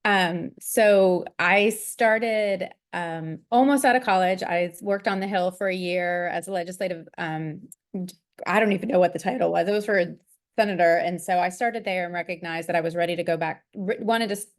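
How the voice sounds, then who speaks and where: A lower-voiced woman talks casually on a video call. She is a chatty alumni panelist with an easy, laughing manner. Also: steady tone, normal speed. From Florida. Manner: chatty, laughing, mildly distracted by a child.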